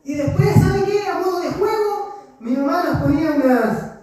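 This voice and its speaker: High-voiced Chilean preacher, echoey church. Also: male voice, moderate pace. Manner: animated storytelling with rhetorical questions and laughter. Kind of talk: sermon. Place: church hall. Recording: very echoey hall, voice far from mic.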